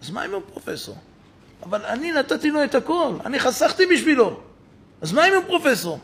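A man giving voice to a worried elderly father who tells his story in a plain, rambling way, with a husky voice. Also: fairly high pitch. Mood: upset.

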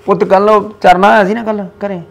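Stern older village patriarch, played by a man, Punjabi accent, high-pitched scolding. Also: level tone, fast talker, creaky. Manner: scolding, lecturing. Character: older village father-in-law, stern about family honour. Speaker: father-in-law in a village family.

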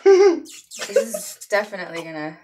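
A woman's voice: mid-range voice, very animated, a little slow, warm tone. A young woman chatting casually while sweating, with her mouth burning from spicy food. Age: young adult. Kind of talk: casual chat during an eating challenge. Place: small room, seated at a table. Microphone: camera on the table.

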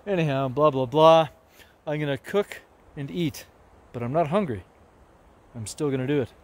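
A man's voice: on the high side, normal speed. A man vlogging casually on a forest trail, rambling with many fillers. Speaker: thru-hiker vlogger.

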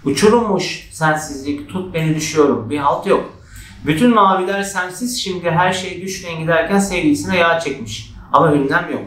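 A man teaching a grammar lesson for exam prep, lively and acting out example shouts. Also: moderate pace. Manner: lively, acts out example shouts with raised pitch. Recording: echoey room.

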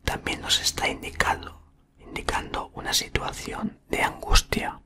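A man reads aloud in a breathy, unvoiced ASMR whisper with a bright, airy edge. He takes it slowly and haltingly, murmuring right up against the microphone. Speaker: ASMR content creator. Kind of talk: whispered ASMR reading from a book. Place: small room indoors. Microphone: desktop condenser microphone, very close.

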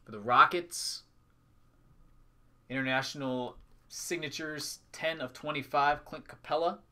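A man's voice: fairly high pitch, unhurried, bright, forceful tone. A man hosting a live trading card break, calling out items in short, clipped announcing phrases. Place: indoors at a tabletop with a display backdrop.

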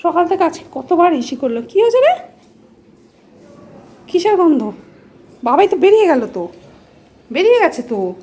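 A woman filming her dog at home, talking to it in a high sing-song baby voice, playful and lively, with a Bengali accent. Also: moderate pace, long pauses. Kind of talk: casual home video talk to a pet. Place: apartment home, indoors.

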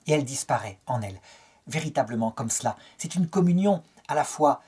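Very smooth-voiced French man lecturing. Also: on the high side, a little mellow. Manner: storytelling, quotes dialogue with lifted tone. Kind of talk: spoken lecture on a saint's life.

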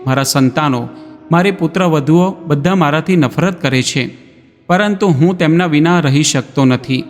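A man's voice: a little high, normal speed, natural voice. A male narrator voicing a grieving old village man who pleads with folded hands. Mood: pleading. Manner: imploring, tearful pleas. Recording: long reverb, background music.

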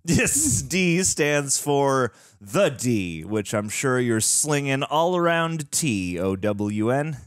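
A young man co-hosting a reaction show, joking through a playful shout-out segment. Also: mid-range voice, very animated, slow, few pauses, dry recording, clean studio sound. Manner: playful, mock-grand wordplay. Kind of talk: casual chat.

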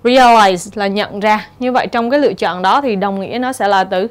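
A woman teacher with a Vietnamese accent, explaining exam answers step by step and reading English example words slowly. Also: medium pitch. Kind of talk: exam-prep lecture.

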